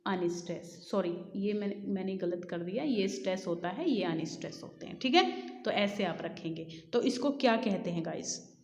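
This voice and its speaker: Woman teacher, mid pitch, exam prep lesson, reads questions deliberately, recorded in a reverberant room. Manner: reads questions slowly, explains in mixed Hindi and English, corrects herself. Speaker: English literature teacher. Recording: echoey room with long reverb.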